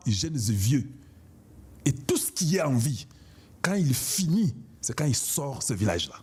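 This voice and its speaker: A man from Congo (DRC) with a medium-pitched, slightly mellow and somewhat rough voice delivers an impassioned political monologue. As an online political commentator, he speaks in an emphatic, declamatory way and repeats himself for emphasis.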